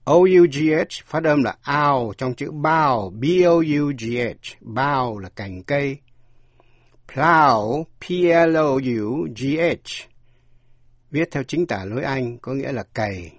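Male teacher, slow and measured, a husky dry voice, spells words out for learners. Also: mid-range voice, animated, dry recording. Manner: spells words letter by letter, then translates. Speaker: English teacher. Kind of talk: slow spelled-out vocabulary lesson.

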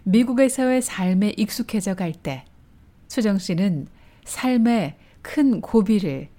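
A woman documentary narrator reading a scripted human story in a measured, literary way. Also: mid-range voice, animated, warm tone.

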